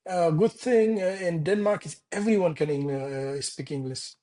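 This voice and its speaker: An architect guest in his thirties, originally from Nepal, talks in an interview in Denmark with a Nepali accent. His speech is casual and halting, full of restarts and fillers, and his voice is fairly high with a dark tone.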